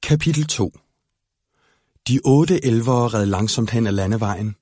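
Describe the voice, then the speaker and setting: A man reads a fairy tale aloud in a calm, even way. His voice is husky and of middling pitch. The recording is close and dry. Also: no room sound. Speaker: audiobook narrator. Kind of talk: storybook narration.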